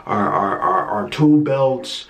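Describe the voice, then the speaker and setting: A man hosting his own show, talking casually and excitedly about pro wrestling, often stumbling over and repeating words when fired up. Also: medium pitch, slow pace. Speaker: host.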